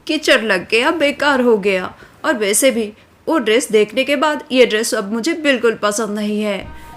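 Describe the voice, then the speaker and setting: A woman's voice: a little high, natural voice. A woman playing a spoiled snobbish rich girl. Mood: snooty. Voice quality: boastful, dismissive, drawn-out complaining. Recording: faint background music.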